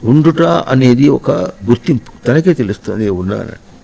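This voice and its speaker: Gravelly, mellow-voiced spiritual teacher. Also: male voice, medium pitch, lively intonation, rough recording. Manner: slow, reflective, repeats and questions listeners. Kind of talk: spiritual discourse.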